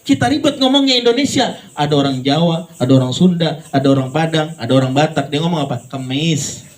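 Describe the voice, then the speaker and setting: A man preaching a lively, joking sermon, talking straight to the congregation and swinging between playful high voices and low earnest tones. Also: quick pace, rough recording. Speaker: Islamic preacher.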